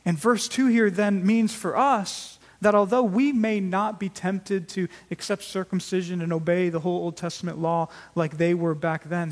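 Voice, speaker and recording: High-voiced preacher in a reverberant hall. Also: male voice. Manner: earnest, emphatic preaching with swells in volume. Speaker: pastor. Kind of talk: sermon.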